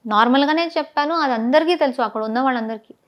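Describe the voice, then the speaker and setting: A woman's voice: high voice, fast talker. A woman giving an interview as a former reality show contestant, recounting events emphatically and indignantly, often switching into English phrases.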